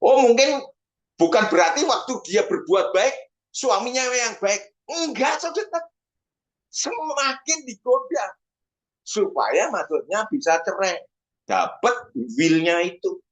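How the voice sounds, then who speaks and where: A man preaching a sermon, animated and often calling out to his listeners. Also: slow pace. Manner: animated, swings pitch up for emphasis, keeps addressing listeners as "brothers".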